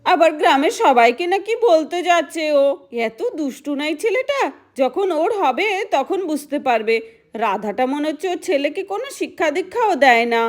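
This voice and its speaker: A woman's voice: sits high, very animated, normal speed. Woman voicing a fretful gossipy village mother. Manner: complaining, gossipy.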